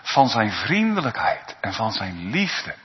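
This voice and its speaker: A man preaches slowly and deliberately, his pitch leaping high and dropping low. The recording is muffled and lo-fi, and a long reverb trails every phrase in the church. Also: wildly swooping pitch. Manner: earnest preaching, swinging from soaring high cries to hushed low tones. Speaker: pastor. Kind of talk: sermon.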